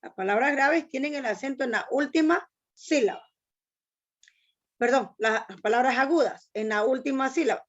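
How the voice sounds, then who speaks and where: A woman's voice: high voice, moderate pace, muffled recording. A woman teacher giving an online language lesson, patiently explaining step by step and asking students to read aloud.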